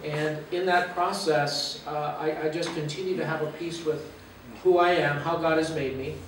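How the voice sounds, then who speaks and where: A man in his fifties from Los Angeles, USA, a university president, gives an earnest, reflective personal talk as a guest speaker at a church gathering in a meeting room or church hall, pausing often with "uh." His voice is a little high and fairly bright, with fairly even intonation. The echoey recording has a distant mic and a little hiss or hum.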